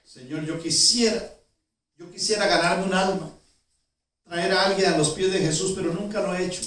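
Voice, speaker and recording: A woman's voice: fairly low pitch, steady tone, normal speed, a bit bright, heavy reverb, slight background noise, natural voice. A male preacher voicing an earnest, devout churchwoman with a pleading manner, recorded in a church from far off.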